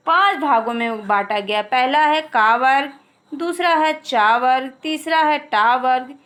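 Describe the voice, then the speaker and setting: This recorded grammar lesson comes from a female teacher whose voice sits high and sounds a bit bright. She works through the material step by step, asking and answering her own questions and stretching out example sounds.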